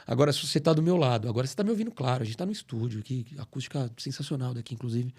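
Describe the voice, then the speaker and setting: A middle-aged man from Brazil, a guest on a podcast, explaining things in an animated, storytelling way in a studio. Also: medium pitch, racing, husky. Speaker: guest, acoustics company CEO. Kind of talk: casual podcast interview.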